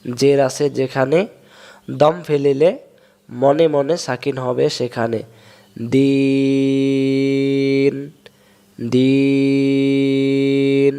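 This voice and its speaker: Gravelly-voiced male Quran teacher. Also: fairly high pitch, a little mellow. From Bangladesh. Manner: explains step by step, drawls sounds slowly to demonstrate. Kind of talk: recitation lesson.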